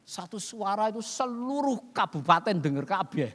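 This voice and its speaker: A man's voice: high-pitched, very animated, normal speed, a bit bright. A man preaching a sermon and telling funny stories, laughing often and dropping in English phrases. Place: church hall. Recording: reverberant hall sound.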